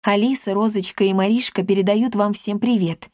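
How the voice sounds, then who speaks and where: A woman's voice: mid-range voice, steady tone, a little fast, darkish tone, no echo, studio quality, lightly acted. A woman voicing a self-important, forgetful male cat who speaks pompously and grumbles.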